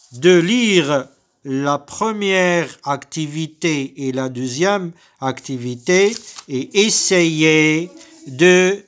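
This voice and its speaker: A man with a Moroccan French accent teaching young children to read, saying words and syllables slowly and repeating each one. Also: high-pitched, fairly bright tone. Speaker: primary school teacher. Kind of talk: slow recorded reading lesson for young children.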